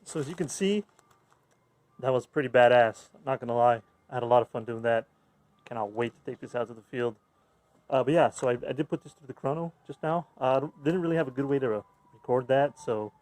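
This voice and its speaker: A man's voice: mid-range voice, a little mellow. A young man chatting casually and enthusiastically to camera as an airsoft reviewer, using informal slang. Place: backyard outdoors, later a room indoors.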